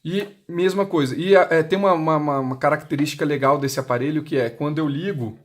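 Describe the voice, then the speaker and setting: A man with a Brazilian Portuguese accent, his voice on the high side and a little fast, walks through an intercom product demonstration step by step. He's a seller speaking unscripted in a plain, instructional way. The recording is clearly noisy, with clicks.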